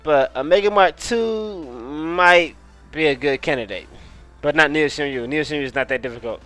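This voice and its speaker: A man's voice: on the high side, moderate pace, fairly bright tone, faint music behind. A man giving casual let's-play commentary on a video game, rambling, correcting himself and swearing now and then. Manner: rambling, self-correcting, profane. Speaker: gamer, video host.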